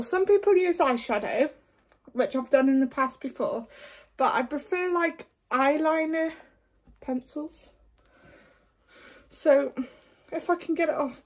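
A woman chatting frankly through a makeup tutorial, her voice going hoarse, with lots of fillers along the way. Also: high voice. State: losing her voice. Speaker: beauty vlogger. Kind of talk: casual makeup tutorial chat.

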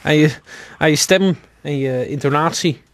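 A man's voice: on the high side, moderate pace, no echo. A man hosting a late-night radio show, taking calls in a playful, teasing way and stumbling over his words.

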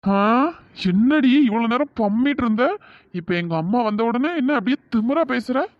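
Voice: mid-range voice, animated, moderate pace, dry recording, close to an everyday voice. A performer voicing a pushy, lovestruck young man who is insistent and exasperated. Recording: dull, dry lo-fi audio.

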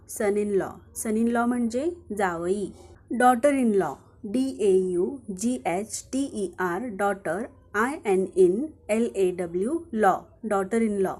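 Marathi lady teacher going slow, spelling out english words letter by letter. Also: mid-range voice, darkish tone. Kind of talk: vocabulary lesson.

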